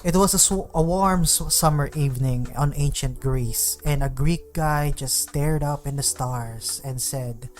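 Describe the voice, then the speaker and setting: A man's voice: medium pitch, measured pace, few pauses. Filipino man rambling over faint music. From Philippines. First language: Tagalog. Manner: rambling, many fillers and restarts. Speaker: podcast host. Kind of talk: unscripted casual monologue.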